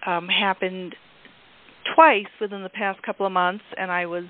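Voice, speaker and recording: A woman's voice: medium pitch, little pitch movement, normal speed. Hesitant woman over a phone line. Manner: hesitant, many fillers. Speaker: real estate agent. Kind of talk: sharing on a group call.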